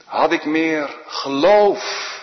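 A man preaching a sermon in a solemn, earnest manner, often dropping to a hushed voice. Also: a little high, animated, extremely slow. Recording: dull echoey church recording.

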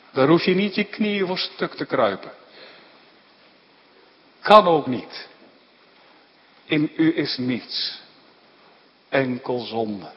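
A man preaching a sermon with fervor, his voice swelling louder on key phrases. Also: medium pitch. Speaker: pastor. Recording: dull lo-fi church recording with long reverb.

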